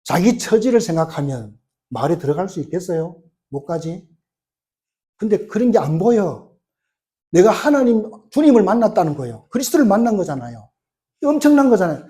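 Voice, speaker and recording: Man, pastor, sermon, conversational preaching, loud bursts, high voice. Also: big pitch swings, normal speed.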